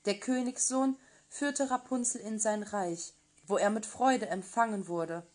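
Calm woman reading a fairy tale. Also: medium pitch, a little slow. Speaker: kindergarten teacher.

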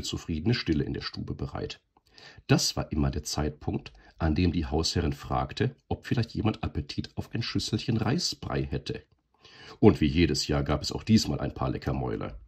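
A deep-voiced man reading a storybook aloud, lively and expressive, with a husky grain. His pitch moves widely as he reads.

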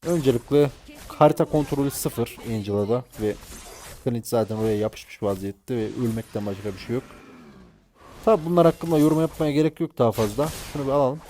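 A man's voice: medium pitch, mellow, slight background noise. A man giving gameplay commentary while playing a mobile game, exasperated and ranting at his teammates.

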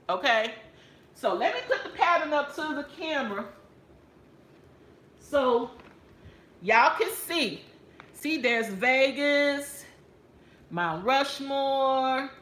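A Texan handbag haul vlogger sits on her living room couch and chats casually and playfully with viewers, calling them "y'all." She has a slightly high, bright and forceful voice in an echoey room, filmed up close by a camera or phone on a stand.

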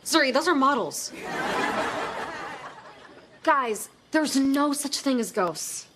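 A woman's voice: high voice, animated, slow pace, noisy background. A young American woman playing a dramatic, dim-witted teenage camp counselor in a sitcom, whiny and exaggerated. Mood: dismissive, dramatic. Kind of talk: broad sitcom acting. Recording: music behind, edited TV sitcom clip.

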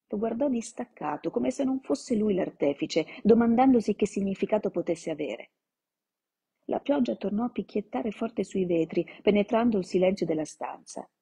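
A woman narrating a novel aloud in a slow, dramatic storytelling manner, live from home. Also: mid-range voice, gravelly, mellow, slightly rough. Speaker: reader. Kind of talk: dramatic audiobook-style reading.

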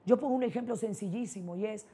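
A middle-aged woman with a Colombian paisa accent gives a motivational talk, telling her own stories with candid emphasis. Her voice is warm and mellow, with a slightly husky grain. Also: mid-range voice, quick pace. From Colombia (Antioquia). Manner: personal storytelling, emphatic and candid. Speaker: neurolinguistic programming trainer, speaker.

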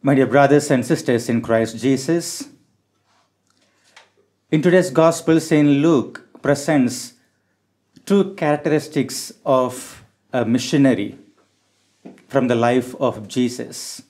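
Male priest, middle-aged, for Gospel and homily: slow, formal, deliberate delivery. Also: mid-range voice, darkish tone. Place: small chapel, indoors. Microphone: gooseneck lectern microphone.

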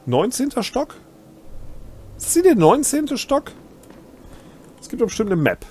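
A man's voice: very high voice, wildly swooping pitch, measured pace, darkish tone, slight background noise. A middle-aged man giving chatty, amused commentary while playing a video game. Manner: chatty, amused, reads on-screen text aloud. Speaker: let's play host. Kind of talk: gameplay commentary.

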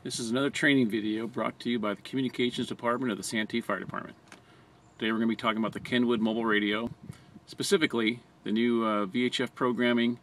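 Captured on a handheld camera or phone held close, with amateur audio and noticeable background noise, this American man has a lowish, fairly bright voice. He is a fire department communications trainer instructing in a training video, walking through the process plainly, step by step.

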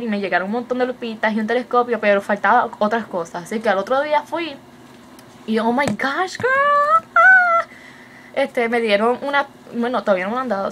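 A woman's voice: fairly high pitch, fairly bright tone, slight background noise. Hyper young Puerto Rican woman vlogging. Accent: Puerto Rican Spanish. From Puerto Rico. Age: young adult. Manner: hyper, rapid, mixes English into Spanish. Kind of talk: casual chat video update.

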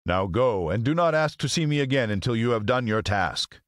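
A man's voice: medium pitch, lively intonation, no echo, clean studio sound, pitched above the performer's own voice, close to an everyday voice. Man voicing an imperious giant-headed wizard Oz. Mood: stern, dismissive. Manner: imperious, slow emphatic pronouncements. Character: great wizard as giant head, commanding, stern, bargaining. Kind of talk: storybook character voice.

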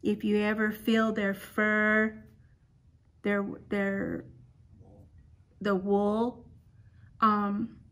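A woman leading a children's Bible lesson, telling a story gently and asking the little ones questions. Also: mid-range voice, level tone, very slow, long pauses. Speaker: children's program leader.

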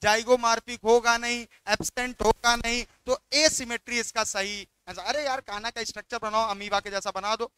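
Bright-voiced man teaching biology. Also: extremely high pitch, clean tone, no echo. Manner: coaxing, repeats questions to students. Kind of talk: exam question walkthrough.

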